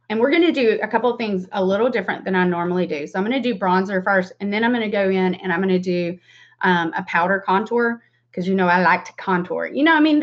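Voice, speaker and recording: A woman in her forties with a Southern US drawl, chatting casually and rambling through a livestream makeup tutorial with self-deprecating asides. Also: medium pitch. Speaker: beauty livestream host and makeup seller. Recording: dull lo-fi webcam stream.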